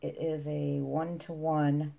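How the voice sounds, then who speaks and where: A woman's voice: sits low, little pitch movement, slow, creaky, mellow. A woman casually narrating a hands-on craft tutorial as she works. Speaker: resin craft demonstrator.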